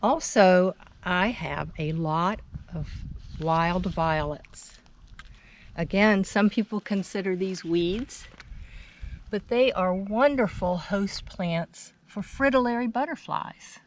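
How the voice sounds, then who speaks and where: Slow-talking American woman giving a garden tour. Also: medium pitch. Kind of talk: unscripted, informative tour narration. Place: outdoors in a home front garden. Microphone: handheld camera's built-in mic. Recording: outdoor handheld recording with ambient noise.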